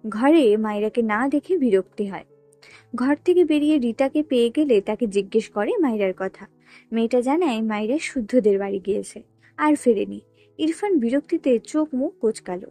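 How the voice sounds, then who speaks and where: Female narrator for a romance audiobook, high and mellow, close dry recording with light background music. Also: lively intonation, normal speed, dry recording. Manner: reads all characters' dialogue with only slight voice changes. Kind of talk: storytelling reading of a romance novel.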